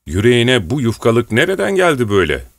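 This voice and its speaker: A man's voice: mid-range voice, huge pitch swings, brisk, vocal fry, no echo, pitched above the performer's own voice. Male reader doing a vicious old rebel elder, spiteful and accusing, dry read. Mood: scornful. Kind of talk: audiobook reading.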